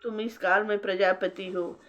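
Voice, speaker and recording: A woman's voice: medium pitch, flat delivery, moderate pace, a bit bright, close to an everyday voice. A woman voicing a solemn male creator god who gives grave commands. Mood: commanding. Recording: dull lo-fi recording.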